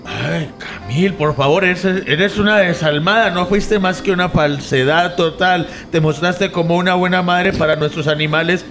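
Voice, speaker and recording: Brief: man voicing a maudlin drunk, slurry and rambling, slightly high voice, loud music under it. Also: moderate pace, hardly any pauses. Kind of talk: amateur radio drama.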